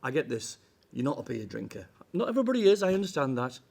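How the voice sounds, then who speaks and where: A man's voice: mid-range voice, sing-song, fast talker, gravelly, darkish tone. An actor playing a boss trying to bribe his team back into trusting him. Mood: wheedling. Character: blustering male boss bribing his team. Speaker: team manager.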